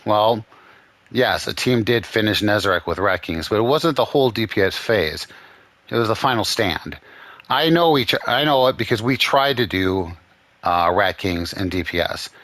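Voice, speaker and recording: A man's voice: fairly low pitch, a bit bright, dry recording. A man hosting a gaming channel, ranting in sarcastic, profane commentary.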